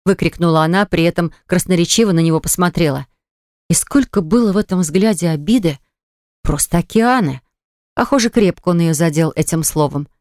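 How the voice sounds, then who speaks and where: Male audiobook narrator, measured, smooth clear voice, dry close studio sound. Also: fairly high pitch, darkish tone, no echo. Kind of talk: scripted narration.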